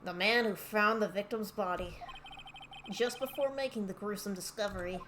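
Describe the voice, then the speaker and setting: A woman voicing a smug male prosecutor in a courtroom video game, with formal, measured questioning. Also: mid-range voice, noisy background, lightly acted.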